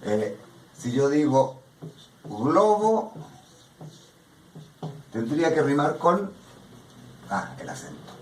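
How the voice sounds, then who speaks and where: Pausing often and speaking unhurriedly, this man has an expressive, medium-pitched voice as he teaches a poetry workshop. He patiently explains and keeps asking "¿ya?" to confirm understanding; the distant mic catches room echo and slight background noise.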